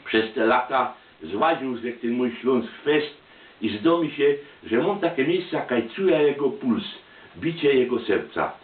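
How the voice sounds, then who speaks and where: A man with a Silesian accent delivers a personal monologue in chatty dialect. His medium-pitched voice comes through thin and boxed in, away from the mic in a reverberant room. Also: animated, measured pace. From Silesia, Poland. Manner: chatty, colloquial. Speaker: storyteller, amateur photographer. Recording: tinny, roomy, distant microphone.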